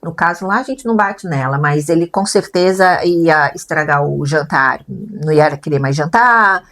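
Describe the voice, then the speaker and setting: Woman, podcast co-host, animated storyteller doing the voices of her family. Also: sits low, normal speed. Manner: animated storyteller who acts out family dialogue. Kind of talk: casual conversation. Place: lives in Portugal.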